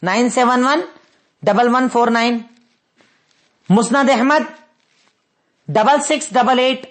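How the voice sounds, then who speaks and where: A man teaching a religious lesson, methodically repeating points and references slowly so listeners can take notes, and asking them questions. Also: very high-pitched, fairly bright tone. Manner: asks the listeners quiz questions.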